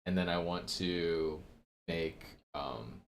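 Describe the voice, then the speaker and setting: A man's voice: low-pitched, takes it slowly, vocal fry, slight background noise. A man hosting a casual livestream, rambling from topic to topic, swearing often and laughing a lot. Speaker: livestream host.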